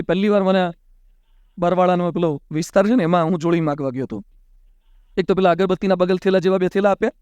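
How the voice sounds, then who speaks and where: A monk delivers a storytelling sermon in a high, smooth voice, recorded clean in a studio with no room sound. He tells anecdotes conversationally and acts out the dialogue.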